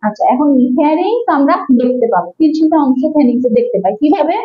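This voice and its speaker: A woman's voice: high voice, animated, fast talker, muffled recording. A young woman with a Bangladeshi Bengali accent giving a classroom lecture as a medical instructor, who explains patiently, asks questions and repeats key terms.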